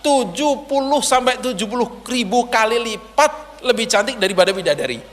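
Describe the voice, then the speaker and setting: Man preaching dramatically in a prayer hall, talks right to the crowd, high voice, long echo. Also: expressive, moderate pace, fairly bright tone. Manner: dramatic, addresses the audience directly. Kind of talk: sermon storytelling.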